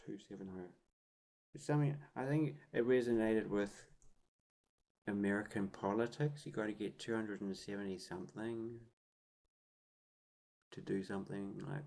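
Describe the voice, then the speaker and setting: With an extremely low, dark voice, a woman in her forties vlogs casually from home on a swivel chair by the sofa. Her talk wanders as she chats to herself and sing-songs baby talk to her cat.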